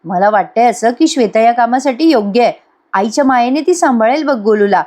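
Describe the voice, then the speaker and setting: A woman voicing a kind young pregnant wife who talks warmly and coaxingly. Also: on the high side, animated, fairly quick, close to an everyday voice. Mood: gentle.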